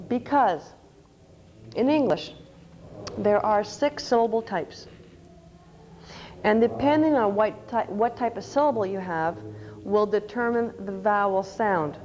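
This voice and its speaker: A woman's voice: on the high side, expressive, measured pace, pauses often, a little mellow, slight background noise, low-quality recording. A woman presenting a conference workshop on teaching reading, explaining step by step and spelling out letters. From Canada. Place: conference session room. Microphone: microphone.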